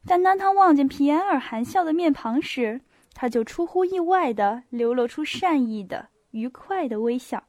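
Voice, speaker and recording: Calm woman reading a novel aloud. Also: high voice, moderate pace, no room sound, studio quality. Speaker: amateur audiobook reader. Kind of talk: steady novel narration.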